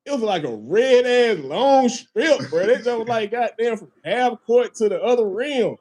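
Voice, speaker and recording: A man's voice: extremely high pitch, lively intonation, unhurried, darkish tone. A man hosting a casual podcast, telling a long story with lots of swearing, laughter and "man" and "bro" thrown in. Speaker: podcast host.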